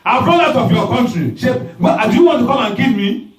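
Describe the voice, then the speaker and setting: A scornful outcast warrior, played by a preacher in the middle of a sermon, throws taunts at those who sent him away. The voice sits high and swings widely, sneering and sarcastic. It comes from a distance through a roomy hall. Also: male voice, expressive, extremely slow, crowd noise, heavily acted. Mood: indignant. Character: scornful outcast male warrior, bitter and mocking.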